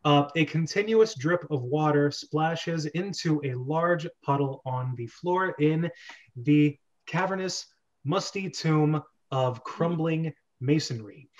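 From his bedroom at home, a man in his thirties hosts a script read-through over a video call, reading screenplay directions between bits of casual chat. His voice is a little high and he takes it slowly, with the highs cut off in the audio.

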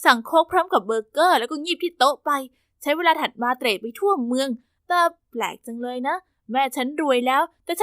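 Bright high-voiced woman narrating. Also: no room sound, studio quality. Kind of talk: first-person animated story narration.

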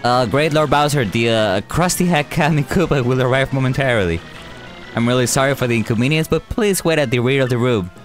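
A man's voice: medium pitch, animated, a little fast, soft background music, natural voice. A jittery minion from a video game voiced by a man close to his own voice, stammering through his apologies. He stays polite and eager to please. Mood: deferential. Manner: stammering, deferential. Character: nervous male Koopa minion underlings. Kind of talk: voicing game dialogue.

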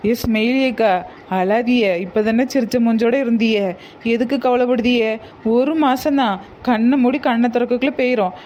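A woman's voice: fairly high pitch, steady tone, normal speed, lo-fi sound, a little hiss or hum, close to an everyday voice. A woman voicing a practical, comforting village woman with a southern Tamil accent.

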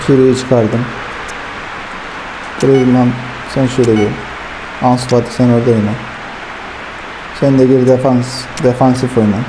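A man giving casual, excitable commentary over a football video game, talking straight to his viewers and swinging from hype to frustrated grumbling. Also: mid-range voice, noisy background. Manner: talks straight to viewers as friends. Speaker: gaming YouTuber.

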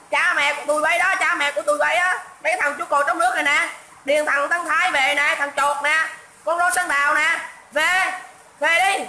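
Host: woman, high bright voice, scornful scolding rant, echoey room. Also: slight background noise. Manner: mocking, scolding, insulting, repeats herself. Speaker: livestream host. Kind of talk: political rant livestream.

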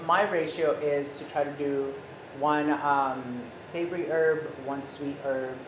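A man in his thirties, born in Ecuador, explaining a recipe as a chef in a relaxed, explanatory way with many fillers, recorded by a far camera in a home kitchen. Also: fairly high pitch, takes it slowly. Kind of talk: cooking demonstration chat. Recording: echoey kitchen with background noise.

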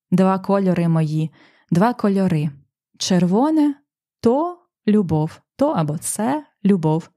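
A young adult woman hosting a podcast language lesson, explaining a poem slowly and carefully, with pauses. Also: on the low side, warm tone. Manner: slow, careful, with pauses and fillers. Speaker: language teacher and podcast host.

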